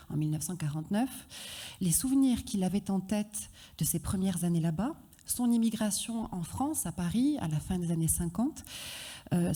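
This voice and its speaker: A woman's voice: on the low side, dark tone, breathy edge. A woman film historian presenting a formal academic talk at a symposium. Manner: formal, read-out analytic delivery.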